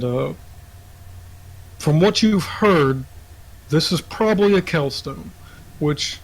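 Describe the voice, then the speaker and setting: A young man running a tabletop game, telling the scene in a loose, conversational way. His voice sits a little high, and he pads his narration with fillers. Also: poor audio. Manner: casual, filler-heavy storytelling. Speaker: dungeon master.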